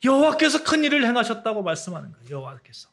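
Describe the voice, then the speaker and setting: A man preaching a sermon as pastor, swinging between loud raised phrases and quiet low ones, calling the congregation to read along. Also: sing-song, very fast. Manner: dramatic swings in pitch and volume, leads congregation in reading. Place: church sanctuary.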